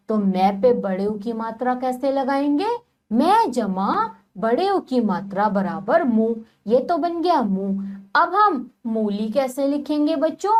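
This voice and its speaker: A woman's voice: high voice, a little mellow. A woman teacher leading a primary-school lesson from a textbook. She sounds out letters and words carefully and keeps asking the children questions. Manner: patient, sounds out letters slowly and asks the class questions.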